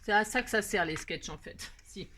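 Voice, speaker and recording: A woman with a medium-pitched voice hosts a card-making tutorial at a moderate pace over heavy background noise. She talks casually and playfully to viewers, narrating each step her hands take with teasing little asides, frequent "hop"s and filler words.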